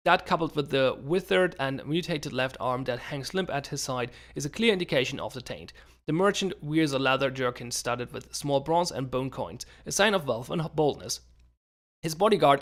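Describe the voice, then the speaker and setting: A man reads a game's story text aloud in a mid-pitched, conversational voice. He keeps stopping to restart words and toss in wry asides. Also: a bit bright. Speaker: gaming channel host. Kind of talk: reading game text aloud with casual commentary.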